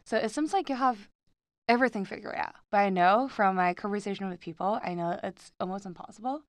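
A woman's voice: mid-range voice, brisk, no room sound. A young adult woman hosting a podcast, friendly and gushing, with frequent murmured agreement. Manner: friendly, gushing, backchannels often. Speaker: podcast host. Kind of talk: casual interview.

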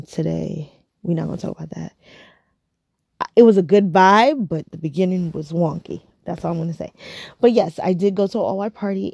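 A woman's voice: on the low side, gravelly, mellow, dry recording, studio quality. A woman in her thirties chatting casually to camera, rambling and repeating herself, tired and yawning. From United States. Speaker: vlogger.

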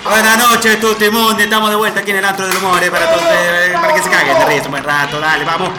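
A man's voice: sits high, steady tone, fast, reverberant, heavy background noise, close to an everyday voice. A man playing a male Sicilian-style comic who slips in Italian words. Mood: jokey. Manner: rambling punchlines with Italian words. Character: Sicilian-flavored male joke-teller. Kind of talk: comedy sketch.

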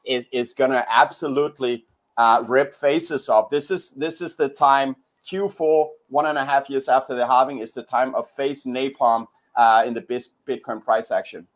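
A man's voice: medium pitch, steady tone, moderate pace. Man talking casually with many fillers. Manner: hesitant, many fillers and restarts. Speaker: guest commentator. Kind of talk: casual panel discussion.

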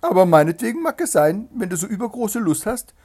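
A man's voice: big pitch swings, brisk, husky, heavily acted. A man doing a sneering, haughty old-fashioned hare. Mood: mocking. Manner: sneering, shrill and loud. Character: haughty, mocking noble male hare.

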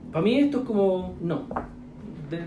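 A man's voice: high voice, animated, moderate pace, background noise. A man with a Chilean accent, mentoring entrepreneurs in a casual chat full of slang, fillers and coaching asides. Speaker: business mentor. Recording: echoey room.

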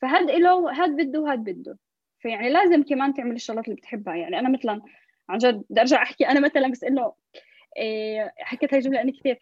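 A woman's voice: high voice, rapid-fire, no echo, highs cut off. A young woman with a Levantine Arabic accent talking as a podcast guest, mixing in English words and often restarting her phrases. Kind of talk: conversational interview with English loanwords.

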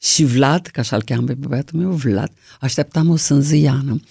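An older woman from Romania, a singer with a deep, low voice, telling stories in an interview in a lively, expressive way. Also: creaky, slightly rough, no room sound, studio quality. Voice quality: low, deep singing-trained voice. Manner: lively, expressive anecdotal storytelling. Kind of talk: storytelling in an interview.

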